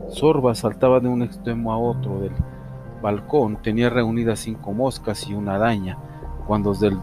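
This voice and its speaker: A man narrating a children's story audiobook in a steady storytelling manner. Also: fairly low pitch. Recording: music under the reading.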